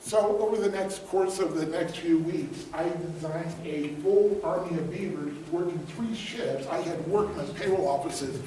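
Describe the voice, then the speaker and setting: A man's voice: on the high side, moderate pace, few pauses, crowd noise. A middle-aged man, a guest speaker, telling a motivational story in a conversational, humorous way and putting questions to the audience. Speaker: guest speaker, business coach. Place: event room before a live audience. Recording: roomy echo, distant mic, faint noise.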